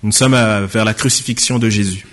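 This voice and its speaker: A man's voice: on the low side, steady tone, a little fast, fairly bright tone, slight background noise. A man preaching a sermon. He reads a Bible passage aloud, raises his voice for quoted speech, then explains it in a plain conversational way. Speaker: pastor.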